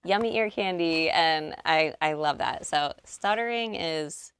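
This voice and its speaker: A woman walks through her track in a recording studio in a bubbly, casual way, full of slang and enthusiasm. Her voice sits a little low and comes across smooth and clean. The sound is dry and close, with no room echo. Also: unhurried, a bit bright. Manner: bubbly, chatty, gushing with slang. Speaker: vocal producer explaining her track.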